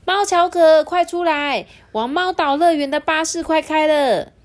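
A woman voicing an eager, cheerful young female cat in a storybook reading, high and excited. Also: normal speed, natural voice. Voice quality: high and bright. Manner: excited, pleading.

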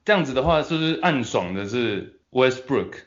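A male host with a Taiwanese Mandarin accent chats casually about sports. His pitch moves around a lot as he teases and breaks easily into laughter. The recording is a little muffled. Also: animated. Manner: jokey, teasing, quick to laugh.

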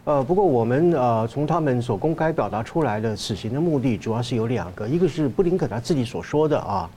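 A man, a research fellow guest on a talk show, who speaks in a measured way with frequent hesitation fillers. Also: medium pitch, lively intonation, dark tone, a little hiss or hum.

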